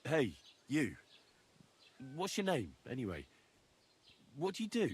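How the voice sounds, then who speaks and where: An actor playing a wry young male soldier in a game, asking lively questions. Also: fairly high pitch, slow, husky, heavily acted. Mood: curious.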